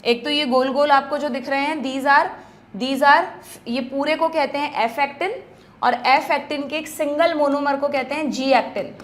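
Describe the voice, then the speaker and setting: A woman's voice: high-pitched, fairly even intonation, normal speed. A woman biology teacher giving an exam-prep lecture, explaining step by step and checking in with her students in phrases.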